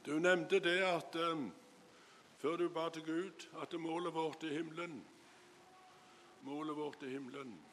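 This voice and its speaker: A man's voice: fairly high pitch, fairly even intonation, long pauses, fairly bright tone. A man preaching a sermon, retelling another man's story with frequent asides about what he said. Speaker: lay preacher. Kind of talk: sermon testimony. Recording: hall reverb, faint room noise.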